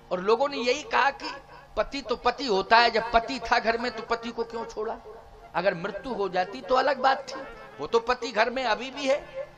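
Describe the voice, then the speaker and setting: High-voiced man preaching slowly. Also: dull audio. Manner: asks the audience rhetorical questions. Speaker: Ram katha preacher. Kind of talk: devotional sermon with sung verses. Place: religious gathering.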